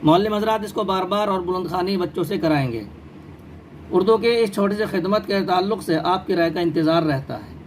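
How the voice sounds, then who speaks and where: High-voiced man teaching a reading primer. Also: a little hiss or hum. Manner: slow, careful drilled syllables. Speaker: Urdu teacher.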